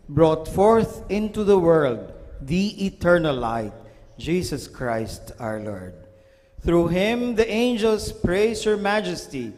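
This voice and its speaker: A man serving as priest, reciting liturgical prayers solemnly and in measured phrases, heard in a cathedral echo. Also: sits high, a little mellow. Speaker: priest celebrating Mass. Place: large church. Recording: long church reverb.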